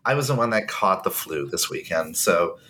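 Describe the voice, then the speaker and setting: A man's voice: deep voice, expressive, normal speed, sharp tone, slight background noise. A congested man co-hosting a podcast, talking in an enthusiastic, emphatic casual way. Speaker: podcast co-host.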